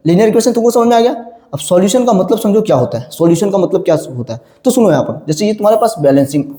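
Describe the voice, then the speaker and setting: High-voiced male maths teacher, echoey room. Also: warm tone. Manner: drills students with repeated questions and answers them himself; addresses viewers as children and brother. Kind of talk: classroom lecture. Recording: echoey room with long reverb.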